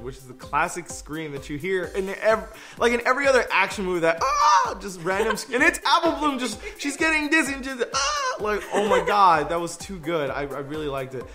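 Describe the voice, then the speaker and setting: A man co-hosting a casual podcast review, talking in an animated way and often laughing. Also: on the high side. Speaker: podcast co-host.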